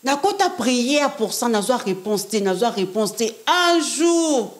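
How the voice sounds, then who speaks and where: Speaking in a fairly high, very animated voice at a slightly slow pace, a young French prophetess chats as a guest in an informal interview. She blends French with Lingala and leans on repetition and emphasis for stress.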